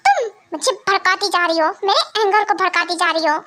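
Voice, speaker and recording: Woman putting on a possessive vampire guy, threatening then begging, high bright voice. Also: lively intonation, a little fast, heavily acted. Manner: alternates threats and tearful pleading. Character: possessive male vampire V, pleading yet threatening. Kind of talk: amateur Hindi fan drama.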